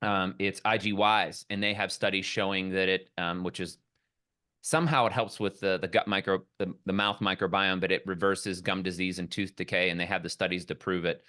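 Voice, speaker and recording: Bright-voiced man telling a rambling story. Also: sits low, fairly even intonation, fairly quick. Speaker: podcast guest. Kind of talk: casual podcast conversation.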